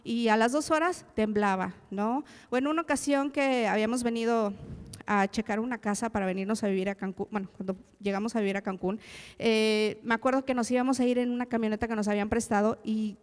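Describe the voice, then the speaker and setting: A woman delivers a sermon in a warm, chatty preaching style, turning to her listeners with questions. Her voice is slightly high. A long reverb trails every phrase, as in a large hall. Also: steady tone, a little fast, clean tone. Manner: conversational, addresses listeners directly with tag questions.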